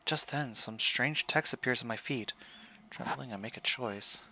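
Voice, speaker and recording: A man's voice: mid-range voice, measured pace, bright, forceful tone, slight background noise, poor audio. A man streaming a video game, reading story text aloud and adding casual commentary.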